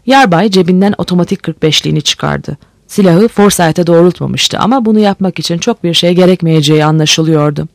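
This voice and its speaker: An audiobook narrator reading a novel in a steady storytelling manner. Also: mid-range voice, fairly quick, creaky, dry recording. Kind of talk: scripted narration. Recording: dry close recording.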